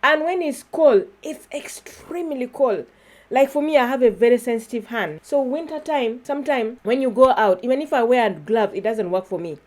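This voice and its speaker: A woman's voice: fairly high pitch, animated, normal speed, a little mellow. Chatty woman vlogging. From Uganda. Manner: chatty, laughs often, keeps addressing viewers as guys. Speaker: YouTuber. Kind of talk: casual vlog monologue.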